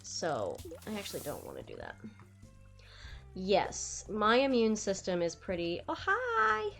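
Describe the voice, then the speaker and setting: Streaming a game, a young woman chats casually with viewers in a lively, rambling way, sounding stuffed up and nasal from a cold. Her mid-range voice is unhurried with vocal fry, and faint music plays behind.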